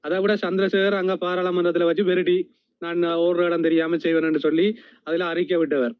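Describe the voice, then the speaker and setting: A man's voice: sits high, little pitch movement, smooth, no room sound. Dry-sounding Sri Lankan Tamil man. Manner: measured, making a reasoned case. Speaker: live stream guest. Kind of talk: live stream discussion. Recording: dull dry lo-fi stream audio.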